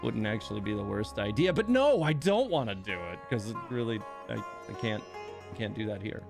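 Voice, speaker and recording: Streaming a gacha game from his home computer, a man who hosts a gaming channel chats casually, grumbling with exasperation and self-deprecation. His lowish voice has a sing-song lilt and vocal fry, moves fairly quickly, and plays over background music.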